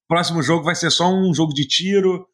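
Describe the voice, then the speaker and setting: A man's voice: on the high side, a little fast, fairly bright tone. Tired Brazilian man chatting about games. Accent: Brazilian Portuguese. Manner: rambling, repeats words. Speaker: podcast host. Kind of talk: casual gaming chat.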